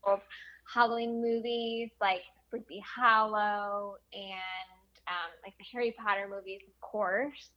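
A woman's voice: medium pitch, steady tone, takes it slowly, highs cut off. A woman from Michigan joining a casual podcast chat as a guest over a remote call, friendly and self-deprecating.

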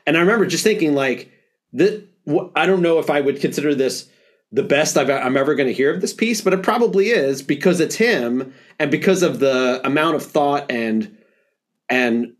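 A man's voice: on the high side, normal speed. A man who teaches music, talking casually in a thoughtful, hesitant way with many fillers. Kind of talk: casual conversation.

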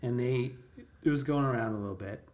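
A man co-hosting a casual podcast, jumping in quickly and teasing his friends. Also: mid-range voice, darkish tone, highs cut off. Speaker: podcast co-host. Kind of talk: casual chat.

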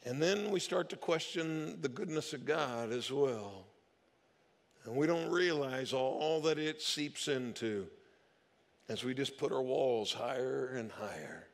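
A man's voice: mid-range voice, lively intonation, takes it slowly, creaky, long reverb tail. A man preaching a sermon as the church's pastor, telling stories in a casual, conversational way and acting out the people he quotes. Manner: conversational storytelling, acts out quoted voices.

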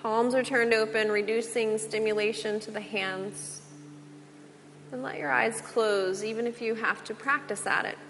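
A woman teaching yoga, giving slow, gentle relaxation cues with long pauses. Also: a little high, steady tone, slight background noise. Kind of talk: guided relaxation instruction. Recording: long reverb with soft music.

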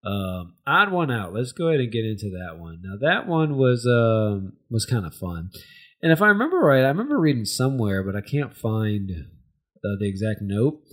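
A man's voice: on the low side, sing-song, moderate pace, a bit bright. An American man hosting a casual discussion, recapping in a rambling, hesitant way as he searches for words. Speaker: podcast host.

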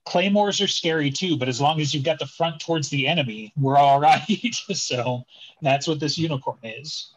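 A man's voice: fairly high pitch, normal speed, breathy edge, poor audio. A man co-hosting a podcast, giving casual, joking commentary in a chatty way. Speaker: podcast co-host.

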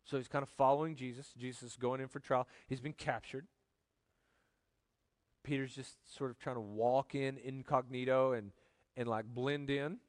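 A man preaching a sermon as pastor, animated, swinging from loud emphasis to quiet joking asides. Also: medium pitch, moderate pace, no echo.

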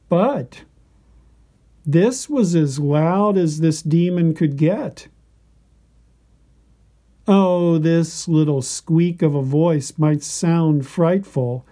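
A man giving a scripted devotional narration in a slow, deliberate and reverent manner. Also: on the high side, mellow.

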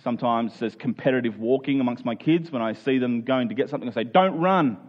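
A man preaches earnestly to a live congregation in a conversational style, posing rhetorical questions and speaking for imagined objectors. He talks at a quick pace in a mid-range voice. The sound is lo-fi.

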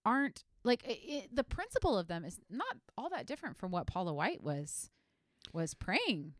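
A woman co-hosting a podcast, analytical and thoughtful, speaking in quick bursts with restarts. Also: mid-range voice, big pitch swings, no echo, clean studio sound. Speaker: podcast co-host. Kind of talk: casual conversational podcast.

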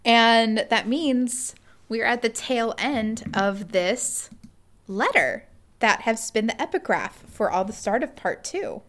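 A woman co-hosting a book podcast, chatting excitedly and laughing easily with her sister. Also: a little high. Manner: excitable, gushing, quick to laugh. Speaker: podcast co-host. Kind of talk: casual chat.

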